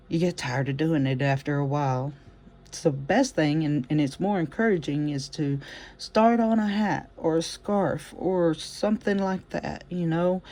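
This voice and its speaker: Here the same kind of crochet lesson unfolds: a medium-pitched, mellow and warm voice narrating every step while working the stitches. The tone stays relaxed, chatty and homespun, offering plenty of gentle encouragement in a casual craft demonstration.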